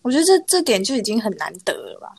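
A woman's voice: on the high side, sing-song, very fast, vocal fry, a little mellow, breathy edge, no room sound. A young woman with a Taiwanese Mandarin accent, chatting casually as a podcast co-host, teasing and laughing often. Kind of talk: casual chat.

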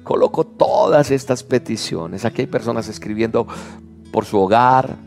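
A man's voice: mid-range voice, normal speed, gravelly. A man leading a fervent spoken prayer as a pastor, with repeated rhythmic phrases. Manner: fervent, repetitive prayer cadence. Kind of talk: prayer over soft music. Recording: faint background music. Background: soft instrumental music.

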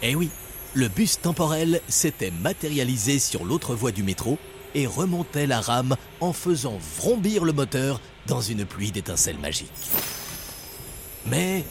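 A man's voice: medium pitch, sing-song, unhurried, slight background noise. A man narrating a children's adventure story expressively. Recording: story narration over loud music.

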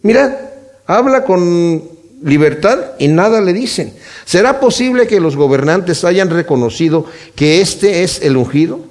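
A man's voice: animated, a little slow, a little mellow. A man preaching an expository Bible sermon, earnest and explanatory, speaking directly to his listeners. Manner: earnest, explanatory, rises in pitch when quoting and stressing.

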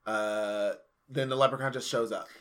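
A man's voice: mid-range voice, fairly even intonation, normal speed, fairly bright tone, clear, resonant tone. A man casually retelling a movie plot with friends, rambling and full of "like", often swearing. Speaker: podcast co-host. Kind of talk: casual movie recap chat.

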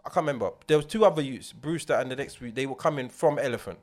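A man's voice: mid-range voice, racing, a little mellow. A man with a London urban roadman accent, telling stories casually on a podcast with emphatic street slang. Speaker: podcast co-host. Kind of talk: casual anecdotal chat.

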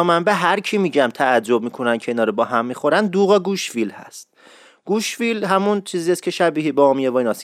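A man's voice: a little high, no echo, clean studio sound. Chatty man. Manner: enthusiastic, chatty, repeats key points. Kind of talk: casual recommendation talk.

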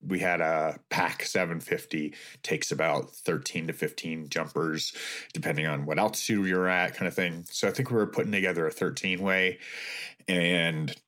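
A man with a very low voice tells a story in a relaxed, conversational way. He sounds middle-aged and gets animated when he acts out what others said. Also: normal speed. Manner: animated, acts out quotes with raised voice. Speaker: guest telling a story. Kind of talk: casual storytelling.

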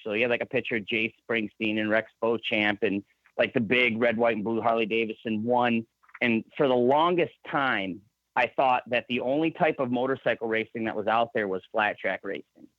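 A man in his thirties with a Michigan accent tells his story as a guest in a casual interview, rambling and often restarting. His voice is medium-pitched, and the lo-fi recording has no room sound.

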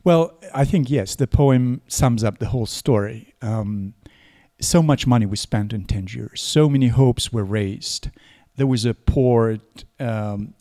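A man giving scholarly interview answers in a halting, deliberate manner, searching for words. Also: medium pitch, warm tone. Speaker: interview guest, historian.

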